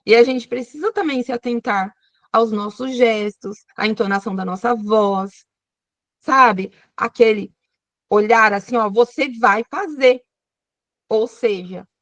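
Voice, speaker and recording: A woman's voice: fairly high pitch, dry recording. Brazilian woman teaching over a video call. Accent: Brazilian Portuguese. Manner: addresses listeners directly, checks in often. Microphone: computer or phone on a video call.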